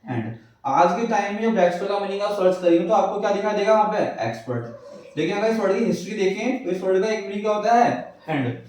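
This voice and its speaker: A man's voice: high-pitched, darkish tone. A male English teacher lecturing a class, who keeps asking his students questions and answering them himself. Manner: repeats checks like "clear hai". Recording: echoey classroom, far from the mic.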